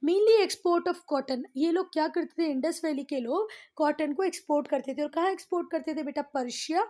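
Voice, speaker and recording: A woman's voice: high voice, mellow. An Indian woman teaching a history lesson online, moving between Hindi and English and answering her own questions to the students. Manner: reads English lines slowly and deliberately.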